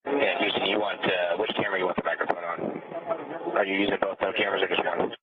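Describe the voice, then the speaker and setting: A man's voice: low-pitched, flat delivery, brisk, husky, no room sound. A man speaking as an astronaut, replying over a space-to-ground radio link. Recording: tinny, dry radio link.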